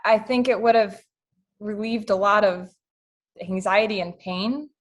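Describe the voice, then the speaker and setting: A woman's voice: mid-range voice, measured pace, highs cut off. A woman guest on a podcast, a blended family coach, talking candidly and emotionally with lots of fillers. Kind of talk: casual interview talk.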